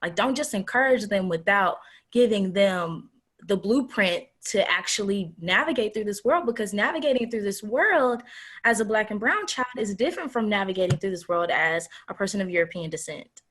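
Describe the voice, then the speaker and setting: A teenage girl, a graduating senior, answering a panel interview over a video call in an earnest, measured way with emphatic repetition. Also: mid-range voice, animated, fairly bright tone. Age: teens.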